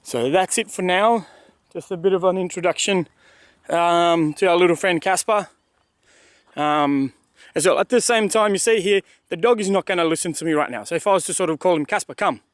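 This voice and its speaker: The audio is dry and studio quality: a man with a high-sitting, brisk voice gives casual dog training advice at a dog park outdoors. He stresses and repeats his points while acting out the dog's thoughts.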